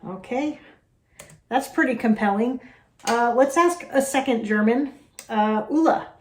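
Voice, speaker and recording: A woman's voice: fairly high pitch, unhurried, a little hiss or hum. An American woman hosting a vlog, chatty and self-deprecating with frequent fillers. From United States. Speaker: host. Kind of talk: casual vlog talk to camera. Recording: roomy echo.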